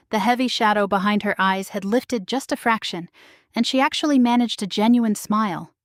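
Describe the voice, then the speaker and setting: A woman in her fifties narrating a scripted first-person story in a measured, reflective way. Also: mid-range voice, dry recording, studio quality.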